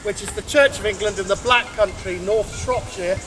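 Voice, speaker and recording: A priest gives an informal, chatty talk to a gathering, explaining things and laughing at his own jokes. His voice is high-pitched and moves at normal speed. Noisy outdoor ambience surrounds the recording.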